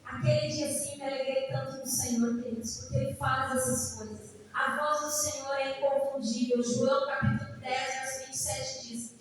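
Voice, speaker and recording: A woman's voice: high voice, moderate pace, hardly any pauses. A middle-aged Brazilian woman preaching a sermon, calling out to her congregation and singing out some phrases. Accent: Brazilian Portuguese. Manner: animated, calls out to the congregation, sings out phrases. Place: church hall. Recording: echoey hall, distant mic, faint noise.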